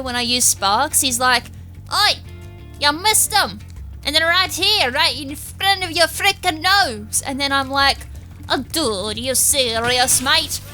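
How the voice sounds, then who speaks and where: Australian woman, let's play commentary, chatty and excitable, bright tone, faint game music behind. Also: high voice. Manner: excitable, chatty, self-mocking. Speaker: gamer.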